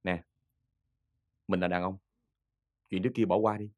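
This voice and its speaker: A man's voice: deep voice, level tone, normal speed, close to an everyday voice. An actor playing a blunt male drinking buddy with a Southern Vietnamese accent, giving advice. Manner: blunt, advising.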